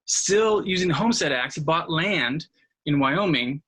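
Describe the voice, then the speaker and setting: A man in his thirties, a history teacher, answering interview questions in a relaxed, friendly storytelling way. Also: fairly high pitch, normal speed, breathy edge, rough recording.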